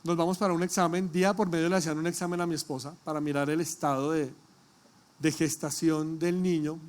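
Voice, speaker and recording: A male pastor preaches a sermon built around his personal testimony, speaking with emotion and building to loud calls to the congregation. His voice is fairly high and fairly quick, with little pitch movement.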